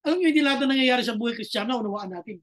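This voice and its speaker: A man's voice: very high voice, expressive, rapid-fire. A middle-aged male pastor preaching a sermon through personal stories, slipping English lines into his talk and acting out the quotes.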